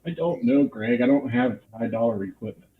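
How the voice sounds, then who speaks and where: A man calling into a chat stream over a muffled, bass-heavy connection, joking in a dry, self-deprecating way. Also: brisk. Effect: muffled, bass-heavy audio with little treble. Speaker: guest caller on a ham radio stream. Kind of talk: casual chat. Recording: muffled phone-like line with faint noise.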